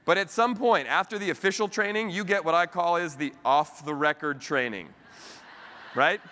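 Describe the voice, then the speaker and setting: A man giving a motivational keynote speech to a convention audience and telling a family story with animated energy. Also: fairly high pitch, normal speed, a little hiss or hum. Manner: animated storytelling with the audience, voice rising sharply when telling a funny part. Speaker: keynote speaker. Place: large convention hall. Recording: live hall recording with long reverb.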